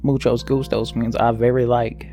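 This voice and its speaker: A man's voice: medium pitch, little pitch movement, moderate pace, mellow, faint music behind. A man co-hosting a podcast, bantering casually in a brash, joking and heavily profane way. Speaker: podcast co-host.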